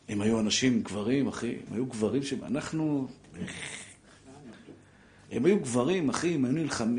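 Male rabbi leading an emotional, lively class, slightly high voice, often questions the room. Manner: emotional, animated storyteller who questions the audience. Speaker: rabbi giving a Torah class. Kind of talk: lively religious lesson to a live audience.

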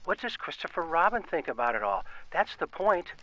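A man's voice: on the high side, very animated, moderate pace, bright, forceful tone. A man reading aloud, voicing a fussy, bossy male rabbit who takes charge, in a muffled lo-fi clip.

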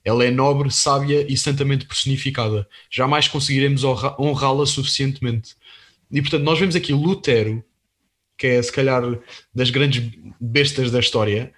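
Brief: earnest male host, medium pitch. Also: steady tone, moderate pace, fairly bright tone. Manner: earnest, reads a quotation aloud. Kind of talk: casual conversation.

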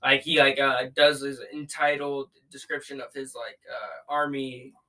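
A man's voice: mid-range voice, flat delivery, a little slow, a loud crowd, rough recording. A young man hosting a casual podcast in a slangy, profane frat-bro manner. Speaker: podcast host.

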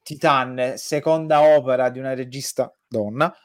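A man's voice: mid-range voice, steady tone, normal speed, no echo, clean studio sound. A man in a casual, opinionated film chat, speaking vehemently and sarcastically and swearing freely. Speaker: podcast co-host.

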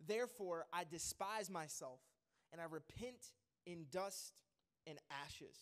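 A man preaching a sermon as a pastor, lively and joking, rambling with fillers and restarts. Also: high-pitched, a little slow.

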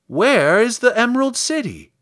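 A man voicing a friendly, naive living scarecrow stuffed with straw, husky, polite and earnest, in a storybook reading. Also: extremely high pitch, very animated, normal speed, a bit bright, voice pushed up, heavily acted. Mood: curious.

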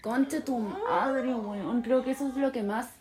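A woman's voice: fairly high pitch, a little slow, crowd noise. A woman with a Chilean accent, joking bluntly and swearing in casual chat.

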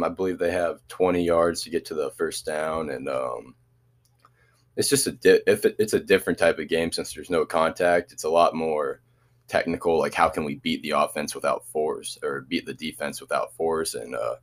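Teen male athlete, very low voice, laid-back and halting in interviews. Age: teenager. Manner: easygoing, hesitant with many restarts. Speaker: student athlete. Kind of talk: casual interview answers.

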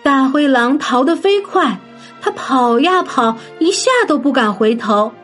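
High, sing-song female storyteller. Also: expressive, a little slow. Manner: gentle, sing-song, talks to children. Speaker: children's storyteller. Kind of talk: scripted bedtime story narration. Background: soft background music.

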